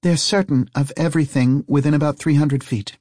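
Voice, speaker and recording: A brisk, old-fashioned woman driver, terse and cryptic, who keeps her answers short. A man plays her in a raised, lighter voice with a dry, close sound. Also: a little high, steady tone, darkish tone, no echo, pitched above the performer's own voice, lightly acted. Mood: cryptic, calm. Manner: clipped, old-fashioned phrasing.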